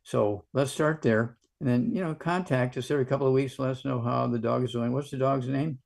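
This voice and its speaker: Gravelly man giving brisk call-in advice. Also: mid-range voice, darkish tone. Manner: brisk, interrupts callers, folksy asides. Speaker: call-in show expert.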